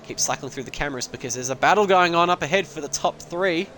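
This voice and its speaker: A man's voice: on the high side, quick pace, bright, forceful tone, soft background music. A young man giving loose, rambling live commentary on an online sim race, joking and swearing as he goes. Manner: casual, rambling, swears and laughs.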